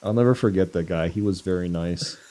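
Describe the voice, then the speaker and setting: Young male co-host, lowish mellow voice, lively storyteller. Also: a little fast. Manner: animated, acts out quotes with big pitch jumps. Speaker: podcast co-host. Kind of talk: casual storytelling chat.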